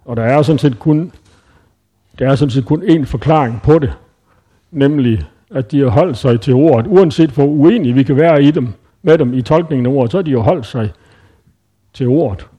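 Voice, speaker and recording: A man's voice: mid-range voice, mellow, husky. A man preaching in a conversational Bible-teaching style, thinking aloud with frequent hesitations and self-corrections.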